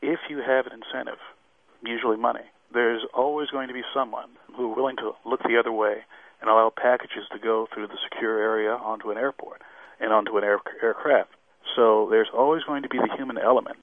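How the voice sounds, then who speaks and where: A man's voice: medium pitch, fairly even intonation, a little fast, dry recording. A man giving expert commentary as a radio interview guest, explaining formally with examples over a narrow phone-like line. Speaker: airline safety expert guest. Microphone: remote line into radio show.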